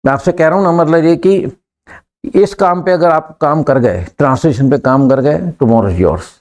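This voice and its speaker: In a classroom, an English teacher speaks at normal speed in a slightly high, darkish male voice. He drills sentences and urges his students to respond and repeat.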